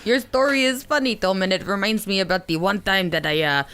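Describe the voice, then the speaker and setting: A player at a tabletop game, playful and quick with jokes. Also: mid-range voice, pushed and bright, clear, resonant tone. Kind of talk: casual tabletop chat.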